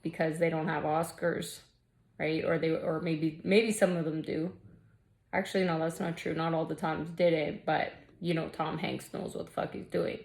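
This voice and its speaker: A vlogger with a low, level, slightly creaky and mellow voice speaks at normal speed in a candid, rambling, profane stream-of-consciousness monologue. She's restless, often restarting her sentences and trailing off.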